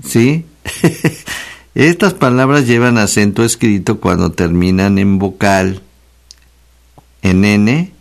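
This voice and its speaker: A man with a Mexican accent hosting a casual radio talk, explaining spelling like a chatty teacher and slowly repeating the key words. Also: fairly low pitch. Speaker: radio host. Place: radio studio.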